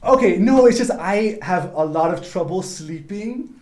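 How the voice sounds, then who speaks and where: A man's voice: high-pitched, expressive, a little slow, a crowd in the background. A man from Colombia hosting a casual interview chat in a radio studio, upbeat and laughing often as he talks. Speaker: host. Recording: roomy studio sound.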